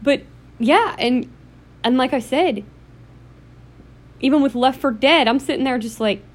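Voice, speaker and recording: A woman's voice: high-pitched, a little slow. Chatty, emphatic woman in game talk. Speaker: podcast co-host. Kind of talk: casual gaming chat.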